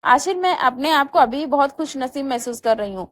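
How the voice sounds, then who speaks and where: A woman reading the lines of a dying young woman in a romantic novel, in a soft, halting way. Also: sits high, lively intonation, slight background noise. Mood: tender.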